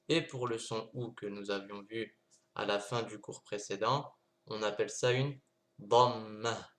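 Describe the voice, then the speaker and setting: A man's voice: lowish voice, sharp tone. A man giving an online lesson on Arabic letters, talking patiently and repeating his points, sounding out clipped consonants again and again. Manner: patient, repeats points with many "donc" and "d'accord". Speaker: Arabic teacher.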